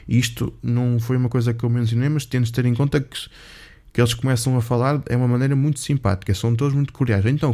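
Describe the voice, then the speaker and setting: A man's voice: medium pitch, warm tone. Casual, profane Portuguese man telling a story. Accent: European Portuguese. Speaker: vlogger.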